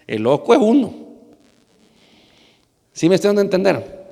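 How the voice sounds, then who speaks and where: A man's voice: high-pitched, sing-song, slow, vocal fry, mellow, in a large hall. A man from Argentina, a pastor, giving a conversational sermon, often asking his congregation questions and hesitating with fillers.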